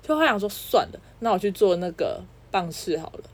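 A woman's voice: mid-range voice, sing-song, husky. A young woman, co-hosting a casual podcast chat and telling stories with a chatty, laughing manner. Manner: quick, chatty storytelling with frequent laughs. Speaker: podcast co-host.

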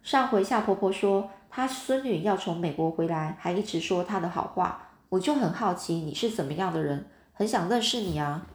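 A woman's voice: on the low side, expressive, moderate pace, few pauses. A woman voicing a friendly, playful twelve-year-old boy in a storybook reading, recorded in a roomy space. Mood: wistful. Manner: easygoing, teasing.

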